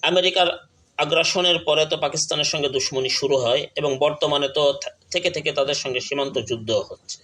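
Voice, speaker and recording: A man's voice: a little high, fairly even intonation, quick pace, sharp tone, a little hiss or hum, low-quality recording. A man giving an earnest talk straight to his viewers, stumbling over words now and then and stressing each example as he lists it. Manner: earnest, speaks with restarts and stammered words. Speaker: speaker of an online channel. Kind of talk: direct-to-camera political talk.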